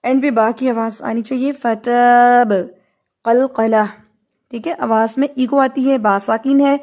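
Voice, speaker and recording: High-voiced woman teaching recitation. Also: steady tone, a little mellow. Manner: patient, encouraging, models recitation in a chanted voice. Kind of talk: online tajweed lesson, correcting students.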